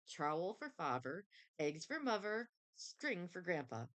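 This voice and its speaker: Brief: a woman reading a small earnest storybook girl, lisping childlike speech, a bit low-pitched. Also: sing-song, measured pace, fairly bright tone. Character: small dutiful solemn little girl.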